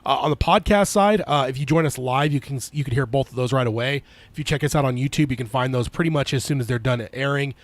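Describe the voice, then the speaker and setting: A man co-hosting a podcast in casual chat, halting and stop-start, his voice slightly weak and strained after being sick. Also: medium pitch, no room sound. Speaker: podcast co-host.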